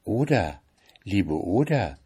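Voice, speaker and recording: A man's voice: deep voice, sing-song, slow pace, dark tone, slightly rough, full character voice. A man voicing a coaxing, enchanted male snake in a storybook reading, begging in a wheedling way.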